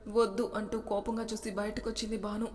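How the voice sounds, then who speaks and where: A woman's voice: fairly high pitch, little pitch movement, fairly quick. A woman narrating a romance story, reading every character's lines herself. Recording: long hall reverb.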